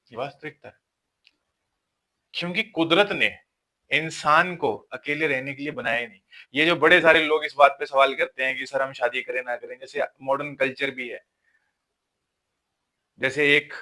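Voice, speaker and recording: A man's voice: mid-range voice, pushed and bright. A man giving a lecture-style relationship advice talk, earnest and insistent, driving points home with rhetorical questions.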